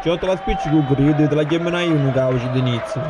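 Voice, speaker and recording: A man's voice: a little high, fast. Mocking southern Italian man over roaring crowd noise. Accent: southern Italian dialect. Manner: mocking, foul-mouthed. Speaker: parody football commentator. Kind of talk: crude comic dubbed football commentary. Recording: loud stadium crowd noise throughout.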